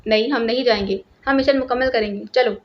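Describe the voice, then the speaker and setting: A woman's voice: on the high side, steady tone, a little hiss or hum, close to an everyday voice. A woman voicing a hot-headed, defiant male agent who speaks angrily, in a storybook reading. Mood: angry. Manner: angry, growling. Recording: lo-fi, dull sound.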